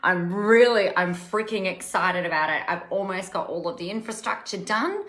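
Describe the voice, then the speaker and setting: A woman's voice: mid-range voice, animated, normal speed, fairly bright tone. A woman, hosting a casual live stream as a coach, chatty and emphatic, repeating words for effect. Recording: echoey room.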